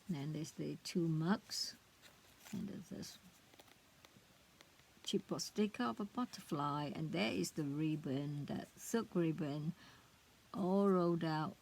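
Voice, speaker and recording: A middle-aged woman talks through her handmade craft book in a relaxed, unhurried way, pausing and searching for words. Her voice sits a little low and has a gravelly edge. A faint hiss of room noise stays under her. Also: poor audio. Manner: chatty, hesitant, trails off searching for words. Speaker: craft vlogger. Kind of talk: casual show-and-tell of a handmade book.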